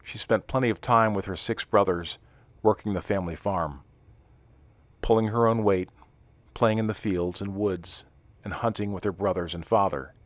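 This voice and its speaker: Deep-voiced man narrating, dry sound. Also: moderate pace, no echo. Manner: calm, steady reading with hushed dramatic passages. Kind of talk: scripted story narration.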